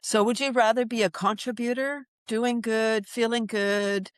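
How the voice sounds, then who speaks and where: An upbeat woman from Canada speaks as an interview guest, animated and full of energy. She laughs easily between thoughts. The sound is dry and close, with no room around her voice. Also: fairly high pitch, a little slow, smooth, dry recording. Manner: enthusiastic, animated, laughs often. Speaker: guest, laughter yoga teacher. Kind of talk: casual interview chat.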